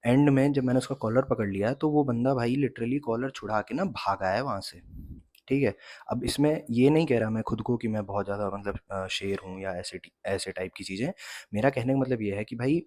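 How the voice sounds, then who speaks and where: A man's voice: mid-range voice, fairly quick, darkish tone, no echo. A young man vlogging and telling a story in a casual, chatty way, mixing in English phrases. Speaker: fitness vlogger.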